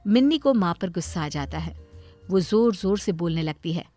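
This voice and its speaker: Woman narrator, scripted story narration, plain delivery, soft background music. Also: fairly low pitch, lively intonation, normal speed.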